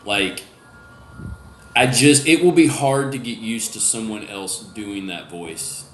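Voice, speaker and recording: A man's voice: on the low side, slow pace. A man with a middling voice rambles through a casual video chat, full of fillers and restarts. The room is echoey, with a faint hiss behind him. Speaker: guest.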